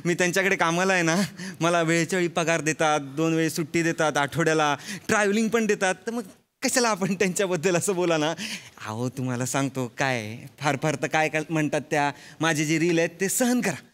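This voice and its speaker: A man playing a timid, flustered manager who stammers and pleads with everyone to calm down, in a comedy sketch. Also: a little high, brisk, natural voice. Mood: pleading. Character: flustered timid male manager, eager to please.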